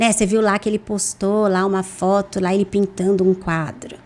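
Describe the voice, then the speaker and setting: A Brazilian woman speaking in an interview with a mid-pitched voice that swings up and down expressively. She talks animatedly, like someone telling stories over coffee. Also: a little fast, crowd noise. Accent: Brazilian Portuguese. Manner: animated, lively intonation, acts out phone calls in voices. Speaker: guest, insurance broker. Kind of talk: conversational podcast interview.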